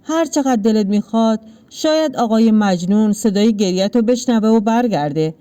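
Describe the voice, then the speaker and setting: A woman's voice: on the high side, smooth, natural voice. A woman reading as a cold, domineering village landlord. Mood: cold menace. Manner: calm, curt and menacing.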